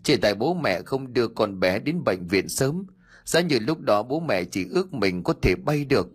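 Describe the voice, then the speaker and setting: A man's voice: mid-range voice, animated, moderate pace, slightly rough. A man voicing a sly older father-in-law who fakes grief with theatrical, trembling pleas, in an audio story. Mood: feigned panic.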